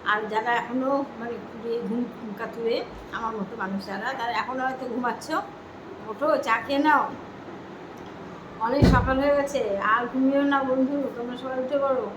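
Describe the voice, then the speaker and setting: A middle-aged woman vlogging in a higher voice with fairly even intonation, speaking rather quickly and addressing viewers directly while repeating herself. She's breathless from walking; the recording has its highs cut off, an echo, and loud background noise.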